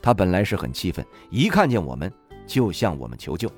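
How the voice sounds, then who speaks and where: A man narrating a novel in the first person, wry and expressive. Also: low-pitched, brisk, soft background music. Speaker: audiobook narrator.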